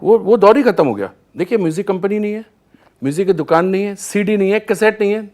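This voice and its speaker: A male singer, a guest on a talk show, telling anecdotes in an animated way and often laughing as he goes. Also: high-pitched, fast talker. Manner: lively storyteller, acts out scenes and laughs often.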